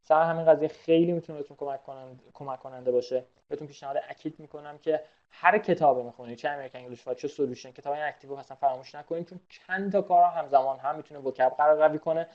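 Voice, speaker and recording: A man's voice: fairly high pitch, steady tone, dull audio. A man teaching an IELTS webinar in a chatty, casual lecture style, full of fillers and English terms.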